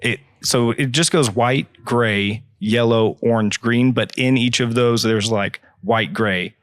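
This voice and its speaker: A man's voice: medium pitch, slow, dry recording, clean studio sound. Easygoing man in his thirties. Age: 30s. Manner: easygoing, explanatory, frank. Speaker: guest, gym owner and coach. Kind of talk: casual chat.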